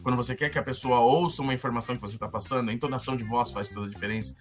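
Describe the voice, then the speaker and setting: A middle-aged Brazilian man, a podcast guest, talking in a halting way, repeating words and tagging questions onto his sentences. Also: medium pitch, fairly even intonation. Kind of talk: casual interview conversation.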